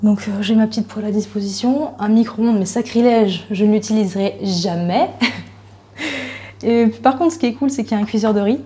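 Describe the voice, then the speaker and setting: A woman's voice: mid-range voice, normal speed, dark tone, slightly rough. A young woman travel vlogger chatting casually while walking through a guest house, talking into a handheld camera with many fillers and restarts. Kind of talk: casual vlog chat, walking tour.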